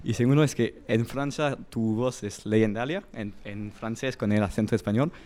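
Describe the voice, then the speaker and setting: A man speaks up from the audience at a live bar talk, hesitant and halting. His voice is mellow and middle-pitched.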